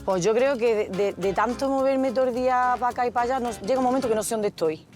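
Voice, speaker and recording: A woman in relaxed casual chat, chatty and quick to laugh. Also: a little high. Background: background music.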